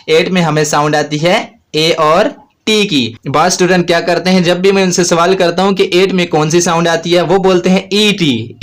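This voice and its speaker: A man teaches step by step. He asks the class a question, answers it himself, and repeats key points. The delivery is steady and patient. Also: a little high. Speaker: shorthand teacher. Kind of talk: classroom-style lesson.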